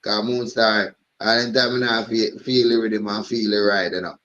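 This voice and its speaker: A man's voice: fairly low pitch, fairly even intonation, moderate pace, a bit bright, highs cut off. A man hosting a live stream, chatting loosely and often repeating "you know what I mean". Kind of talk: casual chat.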